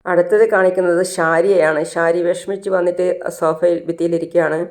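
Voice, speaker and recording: A vlogger casually retelling a TV serial episode, chatting along and filling pauses with short sounds while voicing every part. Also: medium pitch, flat delivery.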